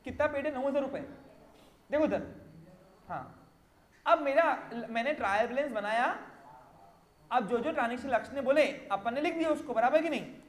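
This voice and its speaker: A man's voice: extremely high pitch, reverberant. A male commerce teacher, lecturing through a story and asking students rhetorical questions.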